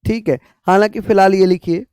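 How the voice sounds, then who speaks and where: A man's voice: sits high, steady tone, a little fast, darkish tone, no room sound. Young guy teaching an exam prep class, keeps repeating stuff, dry close sound. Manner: calls students brother and sister, repeats points, asks "clear?". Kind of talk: online exam-prep lecture.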